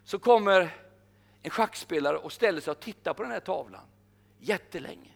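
Older guy preaching, pretty high voice, leans hard on the big lines and repeats them slow. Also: lively intonation, creaky. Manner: emphatic, repeats key phrases slowly. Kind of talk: sermon.

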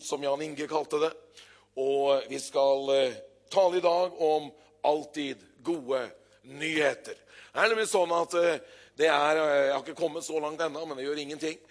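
Older male pastor, high voice, conversational with loud emphatic bursts, church sermon. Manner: lively storytelling preacher, builds to loud exclamations; conversational with frequent hesitations.

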